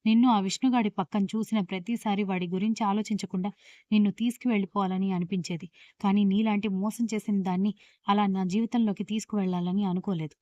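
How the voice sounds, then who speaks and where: A woman's voice: medium pitch, steady tone, fast talker, dark tone, no echo, muffled recording, close to an everyday voice. A woman voicing a hot-tempered young husband who scolds and rebukes his new wife, in a storybook reading. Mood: bitter.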